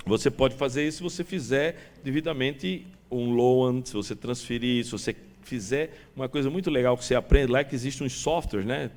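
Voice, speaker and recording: A man giving a talk to an audience, animated and chatty, addressing his listeners over and over. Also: medium pitch, brisk, few pauses. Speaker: business speaker.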